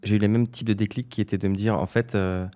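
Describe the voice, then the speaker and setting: Male podcast host; low, warm tone, easygoing, playful questions. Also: quick pace. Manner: relaxed, playful quiz asking. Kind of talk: casual podcast interview.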